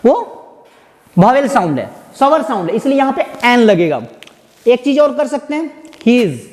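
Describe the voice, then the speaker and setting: A man's voice: extremely high pitch, big pitch swings, moderate pace, a little mellow. A man teaching English grammar, asking his listeners questions and answering them himself while calling them "my dear friend". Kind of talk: explanatory classroom lesson. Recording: echoey hall with faint noise.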